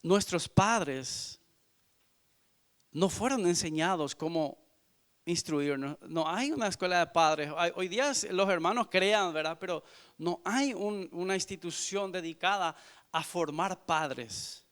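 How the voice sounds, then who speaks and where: A man in his forties, a visiting missionary, giving an earnest sermon testimony in church, moving from hushed to loud. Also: high-pitched, a little slow, clean tone. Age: 40s.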